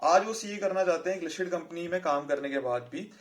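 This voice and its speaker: A man's voice: a little high, fast. A man giving casual career advice to his viewers, chatty and repetitive. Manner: chatty, repeats fillers like "theek hai". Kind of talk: casual advice talk to camera.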